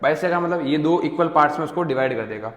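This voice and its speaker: A young man gives a casual Hindi-English math lecture to students, repeating questions, answering them himself, and checking in with "theek hai." His voice is a little high, expressive, very fast, and a bit bright, heard in an echoey room with long reverb.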